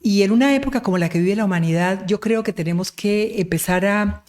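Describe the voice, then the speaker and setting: A woman's voice: mid-range voice, a little fast, a little mellow. A woman hosting an online interview, effusive and full of praise, with religious turns of phrase. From Colombia. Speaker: interview host.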